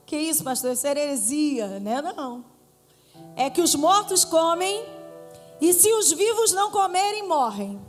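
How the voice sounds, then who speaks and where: A high-pitched woman pastor with a Brazilian accent leads a Pentecostal sermon, teasing her congregation with riddles and building to shouted declarations. Her voice rings out in a church hall with a long reverb tail. Faint music plays behind her. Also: big pitch swings, measured pace. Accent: Brazilian Portuguese.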